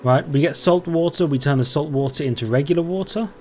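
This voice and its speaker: A man's voice: on the high side, fast, a little mellow, soft background music. A man doing gameplay commentary, thinking aloud in a rambling way and asking himself questions. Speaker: game streamer, let's play host.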